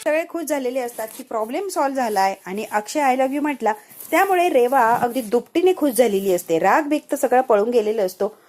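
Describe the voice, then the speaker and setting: A woman's voice: a little high, expressive, darkish tone. A woman narrating a casual, chatty recap of a TV serial episode. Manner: chatty, retells dialogue in quick succession.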